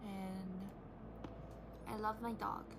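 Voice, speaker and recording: A woman's voice: medium pitch, steady tone, very slow, a little hiss or hum. An eighteen-year-old woman talking candidly in her vlog, venting with frustration and swearing freely. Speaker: vlogger.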